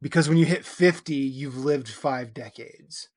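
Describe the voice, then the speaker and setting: A man's voice: mid-range voice, a little slow, no echo. A man in his forties, a podcast guest, joking dryly in casual chat. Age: 40s. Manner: dry, joking.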